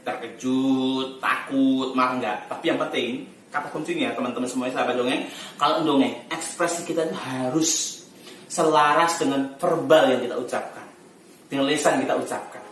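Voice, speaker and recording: A man teaching storytelling technique in a lively, chatty way, laughing often and letting his pitch swing widely. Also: moderate pace, slight background noise. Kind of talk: tutorial lesson on storytelling. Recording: echoey room from far off.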